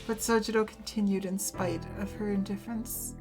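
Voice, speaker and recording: A woman reads visual novel narration aloud as a let's play host. Her medium-pitched voice stays fairly even, with game music clearly audible underneath. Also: moderate pace.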